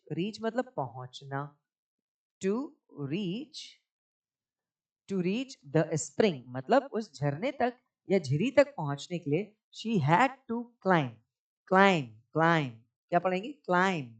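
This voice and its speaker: A man teaching an English reading lesson in Hindi and English, explaining word meanings patiently and quizzing his listeners. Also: high-pitched. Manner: patient, repeats words and asks quiz questions.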